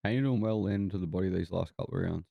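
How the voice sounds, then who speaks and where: Low, creaky Kiwi bloke calling fights. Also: male voice, rapid-fire, no room sound, lo-fi sound. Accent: New Zealand. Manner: blokey, laid-back, sweary. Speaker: boxing watch-along podcast host. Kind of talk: casual live fight commentary.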